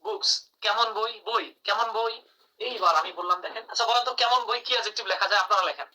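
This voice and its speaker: A man's voice: high voice, a little fast, pushed and bright, distant mic, poor audio. A man teaching English grammar in a live online class, calling on students by name and praising their answers.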